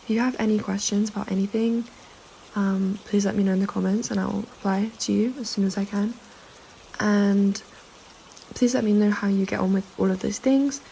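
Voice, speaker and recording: Talking casually to camera while a bit under the weather, a young self-help vlogger gives sincere, comforting advice peppered with fillers. She speaks at normal speed in a steady, mid-range voice that's creaky and mellow, recorded at low quality with slight background noise.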